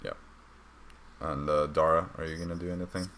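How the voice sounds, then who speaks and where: A man's voice: a bass voice, little pitch movement, brisk, a bit bright, a little hiss or hum. A young man narrating as dungeon master, with a hesitant manner full of fillers. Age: young adult. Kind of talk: narrating a tabletop game.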